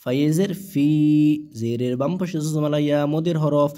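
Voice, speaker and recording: A man teaching Quran reading in a slow, patient lesson, spelling each word letter by letter and repeating it. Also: a little high, mellow. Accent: Bangladeshi Bengali.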